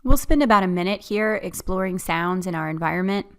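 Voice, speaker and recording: Leading a guided meditation at a fairly quick pace, a woman with a slightly low voice gives calm, clear directions. Her tone stays gentle and soothing throughout.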